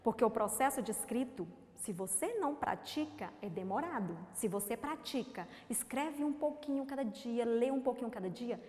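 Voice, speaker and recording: A woman's voice: fairly high pitch, lively intonation, moderate pace, hardly any pauses, darkish tone, reverberant, big-room sound. A woman teacher with a Brazilian accent, giving a lesson to young children and coaxing them with questions. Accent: Brazilian Portuguese. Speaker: primary school teacher. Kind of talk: remote class lesson for children.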